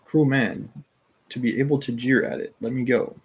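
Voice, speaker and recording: Man reading a scared, proud young woman, voice kept at a man's middle pitch. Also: fairly even intonation, normal speed, slightly rough. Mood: anxious.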